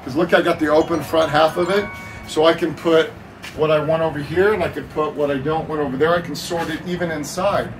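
A middle-aged man hosting a storage-auction video, explaining tips in an animated, gesturing way outdoors at a metal storage unit. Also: on the high side, fairly quick. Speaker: storage unit reseller and host. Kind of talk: casual on-camera explaining. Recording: noticeable outdoor background noise.

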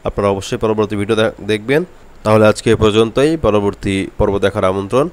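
Bengali guy teaching quran reading, says each letter again and again, lowish voice. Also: steady tone, fast. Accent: Bangladeshi Bengali. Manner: patient, repeats letter sounds many times for drilling. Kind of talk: step-by-step recitation lesson.

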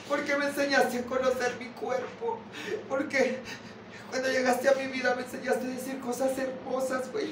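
A woman speaks from a podium in an echoey hall, her high voice caught from a distance over a noisy room. She keeps a narrow, steady pitch and pours out a raw personal testimony, swearing in a refrain she returns to again and again. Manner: raw and heavily profane, repeating the same curse as a refrain. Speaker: speaker giving testimony at a group meeting.

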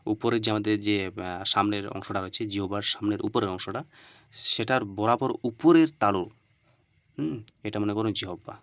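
A man teaching Arabic letter pronunciation step by step. He often asks and answers his own questions and repeats the letter sounds loudly. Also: fairly low pitch, moderate pace, pauses often, smooth, no echo.

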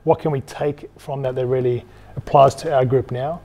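A man in his thirties from South Africa talks in a measured, analytical way, as in a reflective interview. His voice is mellow and dark, at a middle pitch, picked up on a lapel mic. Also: steady tone. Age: 30s. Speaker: interview guest, former professional rugby player. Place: indoors in an empty bar. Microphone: clip-on lapel mic.

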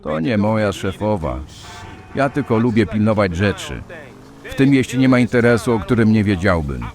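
Man voicing a cocky street guy, low pitch, boastful. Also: animated, normal speed, a little mellow, faint music behind, close to an everyday voice. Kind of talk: Polish voice-over reading of game scenes.

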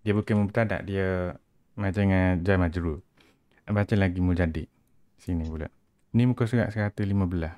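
A low-voiced man with a Kelantanese Malay accent tutors a student informally. He speaks as a teacher guiding a lesson, recorded close and dry. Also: steady tone, normal speed, long pauses, a little mellow, no room sound. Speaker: Arabic grammar teacher. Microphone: headset.

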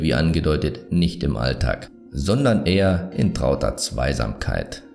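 A man narrating a scripted self-improvement video, giving advice in a calm, measured, self-assured way. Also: low-pitched, vocal fry.

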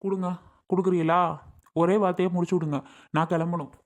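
A man's voice: high voice, level tone, fast, natural voice. A man acting as a stubborn, boastful landlord who haggles hard and repeats his price, talking in a pushy way. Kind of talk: village family skit.

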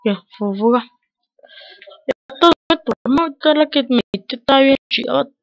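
A man with a Mexican accent giving casual gameplay commentary over a headset, muttering quietly to himself in slang with sudden excited outbursts. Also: very high voice, fairly quick, vocal fry, no echo, low-quality recording. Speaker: gamer.

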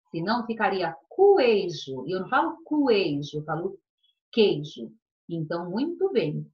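A woman's voice: on the high side, dull audio. A woman teacher with a Brazilian Portuguese accent, giving an online class to young pupils in a patient, sing-song way. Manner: warm, patient, sing-song explaining to children.

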